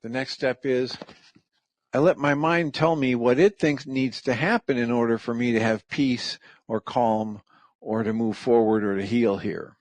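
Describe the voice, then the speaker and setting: A middle-aged man hosting a radio show, calmly and gently walking through the steps of a practice. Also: mid-range voice, unhurried, dry recording. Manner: calm, gentle, step-by-step explaining. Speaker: radio host. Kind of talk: reflective talk radio teaching.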